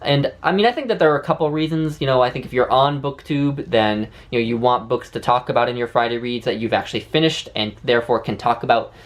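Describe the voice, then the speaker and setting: A man's voice: medium pitch, fast talker, hardly any pauses. A man talking casually and reflectively in a vlog, with a lisp and whistling s sounds, often rambling and correcting himself. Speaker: book vlogger. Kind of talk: casual reflective talk to camera.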